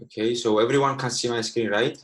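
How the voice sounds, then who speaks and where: Over a video call, a twentysomething trading educator from Cyprus runs a live online lesson, talking fairly quickly with fairly even intonation. His voice is medium-pitched and a bit bright, and his slightly broken English, from a native Greek speaker, is full of "okay."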